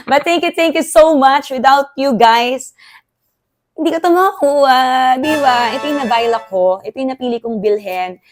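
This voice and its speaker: Filipino woman, excitable vlogger, chatty, laughs often, fairly high voice. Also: normal speed, soft background music. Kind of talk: casual vlog chat.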